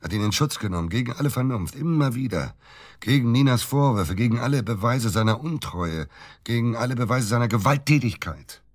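In a naturalistic radio drama, an actor plays a bitter middle-aged widower, agitated and accusing, halting and repeating himself for emphasis. His medium-pitched male voice is expressive, with a light touch of acting.

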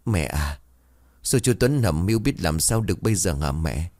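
Man voicing a soft-spoken young widow, low and dry, gentle reassurance. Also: expressive, moderate pace, dry recording. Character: grieving young widowed daughter-in-law.

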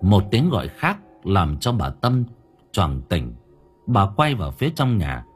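A male narrator reading a horror story in an expressive, dramatic way. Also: deep voice, measured pace. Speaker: audiobook narrator. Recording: faint music underneath.

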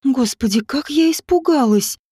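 A woman's voice: high voice, lively intonation, normal speed, dark tone, no echo, clean studio sound. A woman voicing a frightened female guest in an audiobook, speaking in a trembling, breathless, fearful way. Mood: shaken.

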